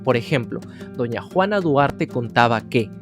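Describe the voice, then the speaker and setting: A man's voice: medium pitch, animated, measured pace. Male narrator, mid-range voice, explains history to the viewer, guitar music behind. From Peru. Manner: storytelling, speaks directly to the viewer. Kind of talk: educational narration.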